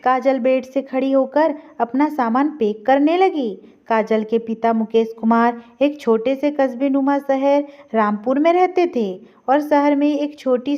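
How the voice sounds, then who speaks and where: Woman storyteller, high voice, steady reading, muffled lo-fi audio. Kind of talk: scripted story narration. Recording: dull lo-fi recording.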